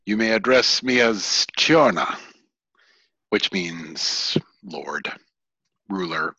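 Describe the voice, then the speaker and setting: A man voicing a terse, imposing male lord in a deep, resonant, slow and hushed voice, in a tabletop game. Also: expressive, breathy edge, no echo, full character voice, low-quality recording. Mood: solemn.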